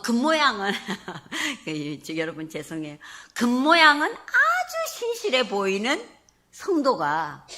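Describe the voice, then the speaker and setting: A middle-aged woman preaching a personal testimony from the pulpit. Her voice rises and falls with lots of movement, and its tone stays clear and bright. She tells her story with animation. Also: mid-range voice. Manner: animated storytelling, acting out her own past words. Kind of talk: testimony sermon. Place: church sanctuary.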